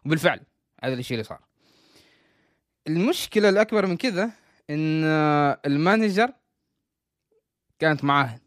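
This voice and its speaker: Guy telling a story, casual and chatty, smooth clear voice, fast. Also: mid-range voice, dry recording, studio quality. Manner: chatty, restarts, drops in English words.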